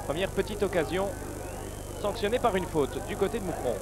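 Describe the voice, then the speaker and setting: A man giving excited football commentary as a match commentator, his voice surging with the play. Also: high-pitched, fairly quick, over loud music. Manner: voice surges on chances and goals.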